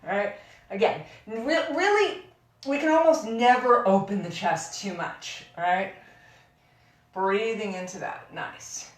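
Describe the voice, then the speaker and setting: A woman instructing a yoga class in a careful, unhurried way, gently cueing each step with informal encouragement. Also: medium pitch. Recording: very echoey room, distant microphone.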